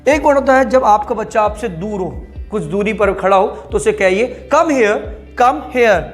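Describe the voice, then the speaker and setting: A man's voice: high voice, moderate pace, soft background music. A young man teaching parents simple English phrases for their children, repeating each one and asking the listener to say it back. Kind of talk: spoken lesson for parents.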